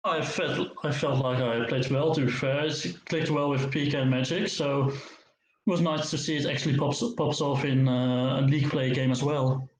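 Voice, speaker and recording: A man, an esports player, answering post-match interview questions over a call, his voice echoing as if in a cave, halting and repeating words. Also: mid-range voice, fairly even intonation. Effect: echoey cave-like sound on his voice. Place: living room. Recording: roomy echo over an online call.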